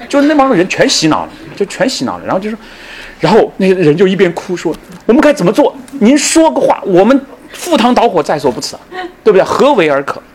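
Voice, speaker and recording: A middle-aged man giving a public history lecture, telling the story in a lively way, acting out the people in it and asking the audience questions. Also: a little high, breathy edge.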